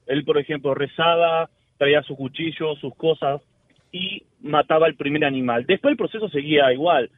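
Guy on a tinny phone line, kinda high voice, rambly, dead dry sound. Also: normal speed, dry recording. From Uruguay. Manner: rambling, with frequent restarts. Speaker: caller. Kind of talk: casual call-in storytelling. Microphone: telephone.

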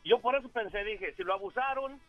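A man's voice: very high-pitched, brisk, no echo. A man arguing on a radio show in a pushy, needling manner. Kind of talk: heated on-air argument. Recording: muffled radio audio with faint music.

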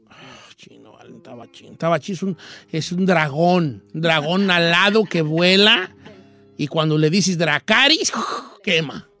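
High bright-voiced storyteller man. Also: measured pace, soft background music. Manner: animated, with asides to the listener. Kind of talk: folksy oral storytelling.

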